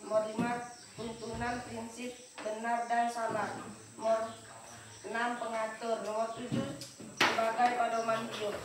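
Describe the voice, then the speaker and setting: A female student reading her group's numbered list aloud, halting at times. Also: on the high side, monotone. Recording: very echoey room, distant, noisy.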